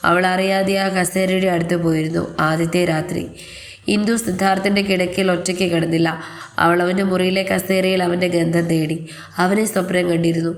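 Woman telling a story, lowish voice, calm steady reading. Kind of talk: scripted story narration.

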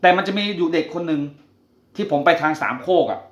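A fast-talking man with a slightly high voice hosts a show about stopping gambling, recounting his own experience in a sincere, confiding way and questioning the listener directly. The audio is lo-fi, dull and roomy.

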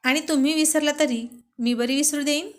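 A woman's voice: sits high, fairly even intonation, fairly quick, pitched above the performer's own voice, close to an everyday voice. A woman voicing a stubborn, pouting young wife who sulks and demands attention in a storybook reading.

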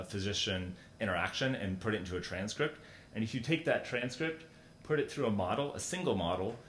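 A middle-aged man giving a conference keynote talk in a large hall, speaking conversationally with many fillers and restarts. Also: fairly bright tone. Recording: echoey hall, faint rumble.

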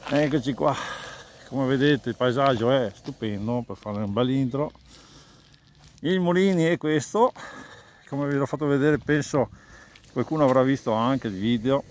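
A motovlogger with a mid-range, slightly mellow voice chats casually to his viewers at a moderate pace, rambling and repeating himself. He's outdoors, on and next to his motorcycle, filmed on a helmet action camera that picks up road and engine noise.

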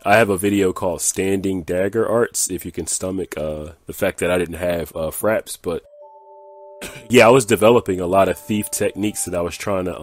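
A man with a deep, low voice talks through gameplay at an easy pace, mumbling through fillers and teasing his opponents with dry sarcasm. Soft music plays faintly behind him. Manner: laid-back and mumbling, with many fillers; taunting and sarcastic. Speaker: gaming channel host. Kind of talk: casual gameplay commentary.

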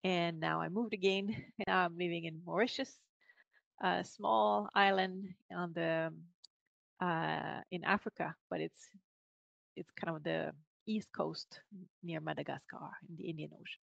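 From a bookshelf-filled home office, a middle-aged woman with a French Canadian accent chats on a video call as an interview guest, laughing often between fillers. Her lowish voice is steady and unhurried, with vocal fry and a slightly bright edge. The podcast-mic audio is lo-fi with no room sound.

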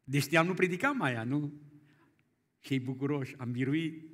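A male pastor preaching a folksy storytelling sermon, moving from quiet asides to loud exclamations. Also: on the high side. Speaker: guest pastor.

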